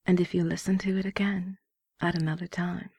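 A woman whispering slow, soothing guided relaxation instructions as a hypnotist. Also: on the low side, flat delivery, a little mellow, breathy edge, dry recording, studio quality.

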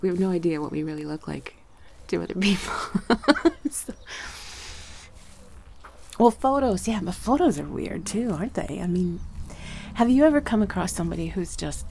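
This ASMR roleplay features a woman with a mild cold chatting gently, alternating between hushed speech and whispers. Her mid-range voice is creaky, and there's slight background noise.

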